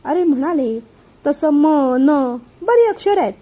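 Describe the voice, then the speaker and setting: A woman voicing a meddling, sharp-tongued middle-aged aunt who prods and scolds. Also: sits high, lively intonation, measured pace. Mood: prying.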